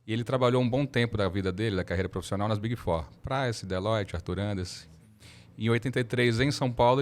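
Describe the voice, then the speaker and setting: A Brazilian man in his thirties, a lawyer telling his story as a podcast guest in a measured, reflective way. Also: fairly low pitch. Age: 30s. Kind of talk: casual interview talk.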